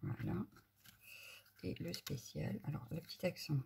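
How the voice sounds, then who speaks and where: A woman talks through a crafting tutorial in a chatty, easygoing running commentary. Her voice is heavily gravelly and mellow, and now and then she drops to muttered asides. A faint hiss sits under her voice. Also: deep voice, unhurried.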